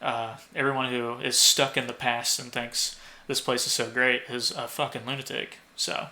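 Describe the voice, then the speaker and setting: A young man co-hosting a podcast, telling rambling stories full of swearing and loudly acted-out quotes. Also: medium pitch, little pitch movement, normal speed, slight background noise. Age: young adult. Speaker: podcast co-host. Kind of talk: casual podcast chat.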